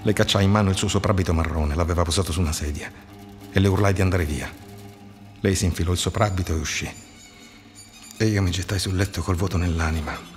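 Low-voiced man giving a dramatic literary reading. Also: quick pace, long pauses. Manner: intense, expressive delivery. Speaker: narrator reading a novel excerpt. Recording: long reverb under loud guitar music. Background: loud plucked guitar music.

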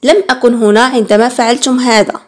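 A woman teaching classroom phrases. She says each phrase slowly twice, then explains it quickly. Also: fairly high pitch, steady tone. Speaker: language teacher. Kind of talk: bilingual lesson.

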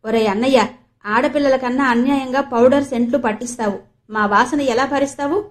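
A woman's voice: high-pitched, brisk, close to an everyday voice. A woman voicing a jovial, teasing young village man who banters cheekily in an audiobook reading.

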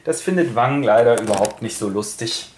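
A man hosting a casual, playful retelling of a play with toy figures, talking briskly. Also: mid-range voice, lively intonation, darkish tone, roomy sound, slight background noise. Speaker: host.

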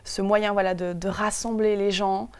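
A woman's voice: mid-range voice, level tone, normal speed, a little mellow, clear, resonant tone. A young woman from France, a guest in a TV studio interview, speaking thoughtfully with many hesitations and restarts on a lapel mic. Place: TV studio set.

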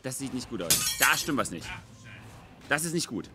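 A young man co-streaming a match, and his bright, lively voice swings up and down as he jokes and yells through the plays. He is loud and playful, a fast talker. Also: mid-range voice, a little hiss or hum. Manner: loud, joking, shouts and laughs during plays. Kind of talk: excited esports co-stream commentary.

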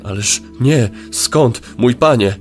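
A man voicing a fearful male high priest in an audio drama, shouting and pleading. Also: takes it slowly, faint music behind, natural voice.

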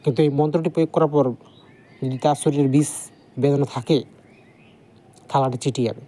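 Guy explaining a chant, warm dark voice, keeps repeating himself, sings the verses. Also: mid-range voice, fairly even intonation, fairly quick. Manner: repetitive, chatty, chants verses in a sing-song. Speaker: mantra teacher on a video channel. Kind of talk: instructional talk with recited chant.

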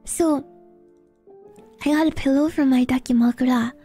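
A woman's voice: high voice, steady tone, normal speed, dark tone, faint music behind. A woman livestreamer chatting casually with her viewers in a giggly, playful manner.

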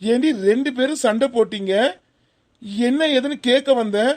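A woman's voice: high-pitched, normal speed, darkish tone, pitched below the performer's own voice, natural voice. A woman playing a meek husband who is bewildered by the quarrel between his wife and his mother in a comedy sketch. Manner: pleading, bewildered. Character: meek young husband caught in a family quarrel.

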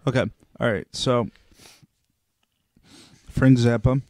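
A man's voice: mid-range voice, fairly even intonation, takes it slowly, a little mellow, dry recording, studio quality. A man co-hosting a podcast, chatting casually and hesitantly in a small room on a desk mic. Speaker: podcast co-host. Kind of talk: casual chat. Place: small room around a table. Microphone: desk mic on a boom.

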